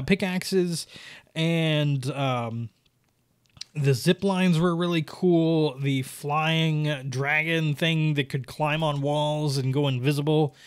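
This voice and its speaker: A young man in casual solo commentary, reading viewer comments aloud and answering them in a rambling way with many fillers and restarts. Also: a little high.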